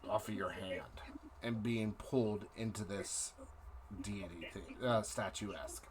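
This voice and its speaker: A man narrating a horror tabletop game as game master, halting and dramatic, repeating phrases for effect. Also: on the low side, fairly even intonation.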